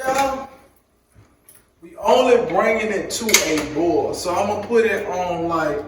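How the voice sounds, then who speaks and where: A man's voice: sits high, heavy reverb, recorded from a distance, background noise. A man walking viewers through a recipe in a chatty, joking way, with preachy asides to the audience. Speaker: home cook teaching a recipe. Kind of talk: casual cooking tutorial.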